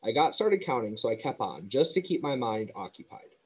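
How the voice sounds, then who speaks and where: Storybook spider, female, fading and gentle, as a male reader puts her on; quiet, tired delivery, breathy-voiced. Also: mid-range voice, big pitch swings, brisk, rough recording. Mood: weary, gentle.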